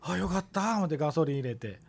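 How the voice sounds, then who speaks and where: A man's voice: a little high, expressive, fast talker, vocal fry, husky. A man with a Kansai accent chatting casually as a co-host. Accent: Kansai Japanese. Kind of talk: casual chat.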